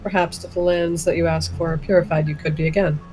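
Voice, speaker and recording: A man's voice: a little high, level tone, fast talker, a little mellow, soft background music, rough recording. A man playing a tabletop role-playing game, talking casually in character with the others.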